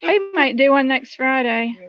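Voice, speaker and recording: A woman's voice: high voice, expressive, a little slow, lo-fi sound. A woman hosting a casual livestream outdoors at a campground, chatting and reading out the names of viewers. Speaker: livestream host. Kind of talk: casual chat.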